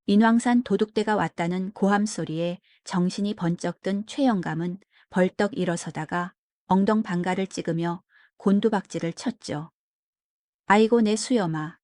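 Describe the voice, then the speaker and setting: A woman tells old folktales as a bedtime story, her tone warm and mellow. She speaks gently and without hurry, in a soothing way. The recording is dry and close, with no room sound. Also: lowish voice, no echo. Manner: gentle, soothing, unhurried telling.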